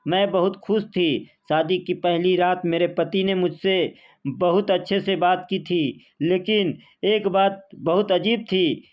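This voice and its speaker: A woman reading a first-person story as scripted narration in a slow, even, plain way. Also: lowish voice, dull audio.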